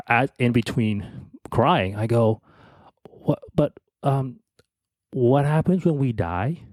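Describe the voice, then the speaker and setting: A man co-hosting a podcast, telling a reflective personal story in a halting way, with restarts and soft laughs. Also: on the low side, no room sound. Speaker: podcast co-host.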